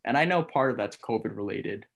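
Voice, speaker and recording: A man in his early twenties chatting as a guest, with dry, wry remarks and a measured delivery. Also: on the low side, expressive, vocal fry, a bit bright. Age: 20s. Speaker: podcast guest. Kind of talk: casual chat.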